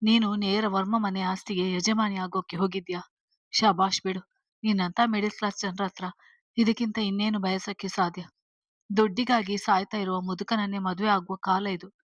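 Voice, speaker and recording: Snobbish aunt figure, sarcastic, taunting, loud and sharp, dry sound, voiced by a woman. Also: medium pitch, little pitch movement, moderate pace, no echo, far from the mic, natural voice. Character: sneering, spiteful rich aunt.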